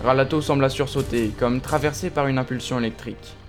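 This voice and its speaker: A man giving steady, understated scripted narration of an audio drama. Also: mid-range voice, a little fast, soft background music.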